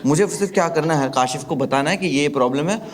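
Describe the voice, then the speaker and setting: A man telling a comic story on stage, animated and acting out the people in it with big jumps in his voice. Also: quick pace. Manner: animated, acts out characters with big pitch jumps. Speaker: stand-up comedian. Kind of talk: stand-up storytelling. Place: comedy stage before a live audience. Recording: stage mic with loud crowd laughter and noise.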